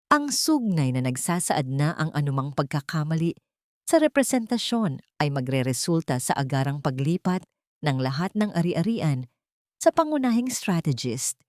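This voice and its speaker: A woman with a Filipino accent narrates a scripted dramatic story in a low, darkish, very animated voice at normal speed. The recording is clean studio sound with no room echo.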